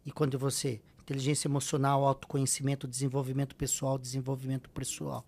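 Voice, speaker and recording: A man's voice: mid-range voice, monotone, fast talker, vocal fry, a little mellow. A Brazilian man with a slight tongue-tie giving emphatic motivational advice as a podcast guest, often asking rhetorical questions. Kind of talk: motivational advice in a casual interview.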